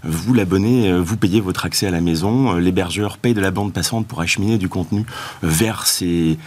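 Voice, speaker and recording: Man, low husky voice, quick assertive telecom exec. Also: darkish tone. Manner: fast, assertive explainer. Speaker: telecom company head, guest. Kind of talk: TV interview answers.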